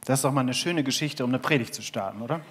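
A man's voice: mid-range voice, racing, fairly bright tone. A man preaching a sermon in a conversational way, telling a parable and asking the audience questions. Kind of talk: sermon with storytelling.

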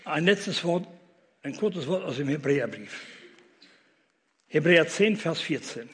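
A male pastor preaching a sermon in a church, shifting between loud, emphatic declarations and soft, quiet prayer. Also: fairly high pitch, lively intonation, a little slow. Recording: long church reverb.

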